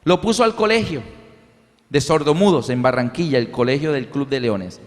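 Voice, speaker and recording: A man's voice: mid-range voice, moderate pace. A man from Colombia preaching a sermon, telling a family story and acting out the voices in it. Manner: animated storytelling, acts out voices. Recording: reverberant hall.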